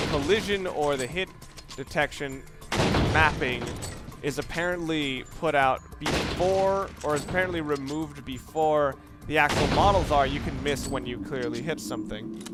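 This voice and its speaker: A let's play commentator with a slightly high voice talks at an unhurried pace, rambling off the cuff and rewording himself mid-sentence. Behind him, game music and gunshots are loud.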